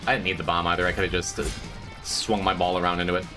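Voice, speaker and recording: The tone is level and the delivery fast as a man talks over music while streaming a game. With a congested, stuffed-up voice, he rambles to chat, makes fun of himself, and lets out squeaky high-pitched jokes.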